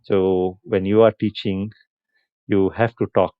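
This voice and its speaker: With a level tone, a male host whose first language is Punjabi keeps a laid-back live stream conversation going, responding to viewer comments and laughing frequently. His voice is low, clear, and smooth. The audio is dry and a little muffled, with no echo.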